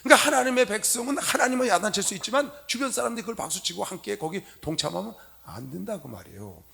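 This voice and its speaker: A middle-aged man preaching a sermon to young people in a convention hall, telling stories with loud stresses and soft asides. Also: high-pitched, fast talker, creaky. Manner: animated storytelling, swinging from loud emphasis to soft asides. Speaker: pastor.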